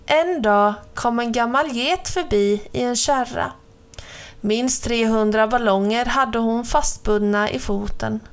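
Gentle woman reading children's stories. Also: on the high side, clear, resonant tone. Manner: gentle, lilting storytelling. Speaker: storyteller.

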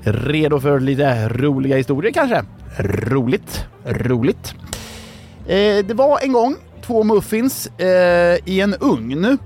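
A man's voice: fairly high pitch, sing-song, darkish tone, faint music behind. A man hosts a children's bedtime show. He rambles playfully, tells jokes and corrects himself. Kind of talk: playful storytelling and joke-telling.

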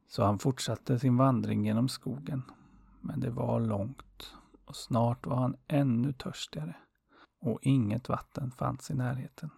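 A man narrating a fairy tale in a calm, unhurried, softly expressive way, with a husky voice. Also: mid-range voice, dry recording, clean studio sound. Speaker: storyteller.

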